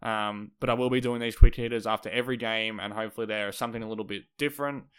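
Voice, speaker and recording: A man hosting a sports podcast, giving solo basketball analysis in a conversational, thinking-aloud way with a slightly croaky voice. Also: medium pitch, steady tone, rapid-fire, fairly bright tone.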